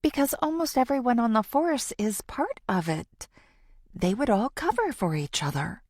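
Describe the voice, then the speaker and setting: For an audiobook, a woman voices an anxious, apologetic woman confiding in her best friend, hesitant and pleading. She pitches her voice fairly high, above her natural range, very animated at normal speed with a darkish tone. The recording is clean studio sound with no room echo.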